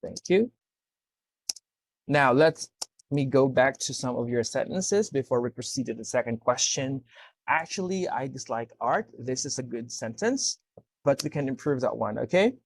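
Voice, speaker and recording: A man's voice: medium pitch, expressive, normal speed, gravelly, dry recording. A man tutoring English one-to-one, explaining corrections step by step and checking understanding with "okay?". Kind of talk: one-to-one speaking lesson.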